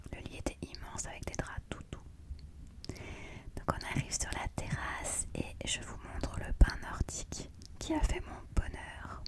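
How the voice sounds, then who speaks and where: A woman narrating an ASMR vlog in a quiet, hushed night-time whisper, close to the microphone. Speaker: vlogger narrating her trip.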